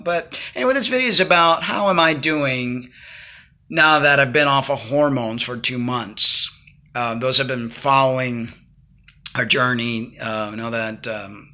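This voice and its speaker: Speaking into a phone or laptop held at arm's length, this vlogger from Cuba gives earnest, meandering advice indoors in his small home living room. He is in his fifties, with a medium pitch and a sharp tone.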